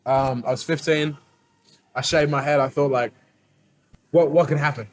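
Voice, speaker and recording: A man's voice: fairly high pitch, fairly even intonation, normal speed. A young man hosting a food challenge with casual, blunt, chatty banter. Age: young adult. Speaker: host asking questions in a food challenge.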